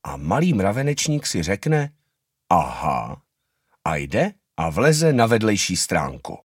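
Expressive male storybook reader. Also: lowish voice, husky, no echo, studio quality. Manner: expressive, playful. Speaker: audiobook reader. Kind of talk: scripted storybook narration.

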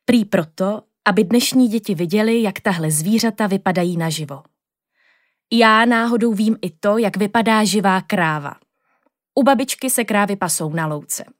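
A woman reading a children's storybook aloud in the first person of a little girl, in a lively storytelling tone. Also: mid-range voice, no room sound, studio quality. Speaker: audiobook reader.

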